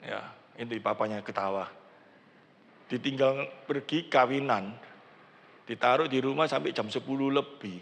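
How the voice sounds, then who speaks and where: An older man preaching a sermon in a large church, acting out quoted prayers with animated delivery. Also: medium pitch, moderate pace, creaky, pauses often. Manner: animated preaching, acts out quoted prayers, mixes in Javanese words. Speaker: pastor. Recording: church sound system with long hall reverb.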